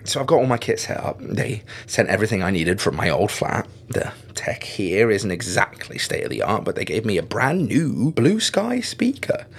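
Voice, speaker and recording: An actor playing a chatty caretaker who talks to himself, with muttered and whispered asides. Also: male voice, lowish voice, sing-song, moderate pace, few pauses, breathy edge, exaggerated voice. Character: chatty male caretaker archiving logs.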